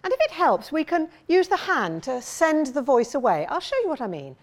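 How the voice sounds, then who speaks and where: A woman voice coach leading a vocal warm-up, encouraging and demonstrating sounds with big slides and shouts. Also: high voice, very animated, normal speed.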